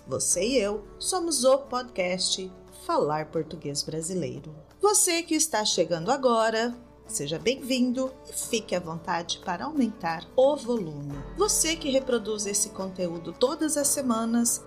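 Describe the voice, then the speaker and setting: A woman with a Brazilian accent hosting a teaching podcast, addressing the learner directly. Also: on the high side. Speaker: podcast host and language teacher.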